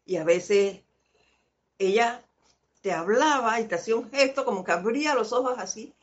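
Her voice is slightly high with lively intonation, heard through lo-fi sound. She's hosting a casual live spiritual talk, slowly sharing life anecdotes as lessons and laughing a lot.

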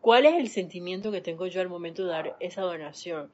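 On a live stream, a woman teaches spiritual lessons while vividly acting out scenes from daily life, speaking fairly quickly in a lowish, slightly mellow voice. The audio is dull and lo-fi, with a little background noise.

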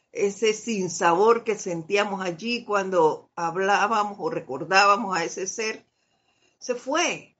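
A woman's voice: medium pitch, a bit bright. A woman giving a spiritual teaching talk. She reads passages aloud and explains them, addressing her listeners as brothers. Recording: dull lo-fi recording.

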